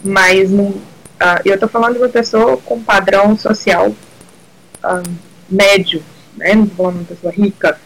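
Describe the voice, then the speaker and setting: A woman's voice: mid-range voice, steady tone, normal speed, rough recording. A middle-aged woman from Brazil, a guest in a casual interview, talking hesitantly with many restarts and mixing in English words.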